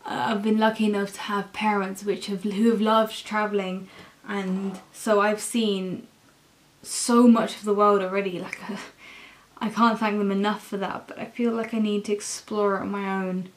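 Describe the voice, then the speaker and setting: A young adult woman with an English accent, talking casually and candidly in a halting, confessional vlog style. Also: medium pitch, little pitch movement, low-quality recording. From England. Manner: slow, halting, candid, with frequent swearing. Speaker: university student vlogger.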